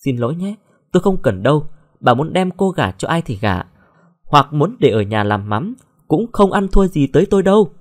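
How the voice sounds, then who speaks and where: A man voicing an angry, scornful young fiancé in an audio story, shouting and sneering. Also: a little high, big pitch swings, normal speed.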